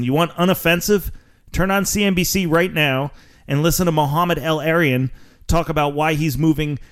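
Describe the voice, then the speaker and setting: Male podcast host with a Philly accent, slightly high voice, profane, sarcastic, brash. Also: a bit bright. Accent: Philadelphia. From Philadelphia area. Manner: brash, sarcastic, laughs at own jokes. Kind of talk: profane casual monologue.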